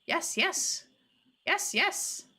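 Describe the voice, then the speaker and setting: A woman's voice: very high voice, big pitch swings, very slow, pushed and bright, voice pushed up, full character voice. A woman voicing a dopey, food-obsessed cartoon creature that bellows in broken, simple speech. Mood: excited.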